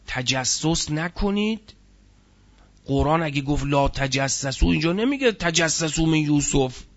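A man's voice: a little high, a bit bright, highs cut off. A man giving a religious lecture on Quranic word meanings, explaining each term and asking his listeners rhetorical questions. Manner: explanatory, asks rhetorical questions, stresses key words. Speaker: Quran teacher.

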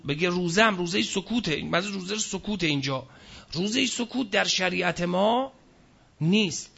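A man preaching a scripture lecture. He recites verses slowly, then explains them in plain speech and asks the audience questions that he answers himself. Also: high voice, vocal fry, fairly bright tone, slightly rough, dull audio. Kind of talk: Quranic exegesis lecture.

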